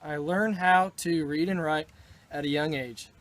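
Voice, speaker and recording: A man's voice: on the high side, steady tone, a little slow, a bit bright, no room sound, rough recording. A man playing a proud 19th-century chemist for a school project, reciting his life story plainly. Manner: recited, plain self-introduction. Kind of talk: school project role-play.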